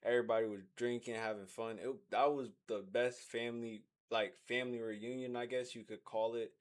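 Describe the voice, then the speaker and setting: Medium-pitched American man chatting casually. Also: level tone, fairly quick. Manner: slangy, conversational interjections. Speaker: co-host reacting to a film recap. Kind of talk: casual chat.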